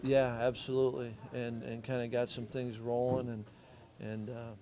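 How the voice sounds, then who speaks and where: A man's voice: mid-range voice, little pitch movement, moderate pace, warm tone. A middle-aged man, a head football coach, giving plainspoken, understated answers at a postgame press conference.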